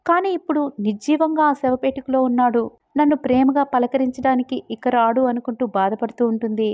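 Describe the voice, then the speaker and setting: A woman's voice: high-pitched, brisk, no echo. A woman retelling the plot of a romance drama in a storytelling voice, taking on the characters' lines as she goes. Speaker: drama recap narrator. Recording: dry, tinny phone-like sound.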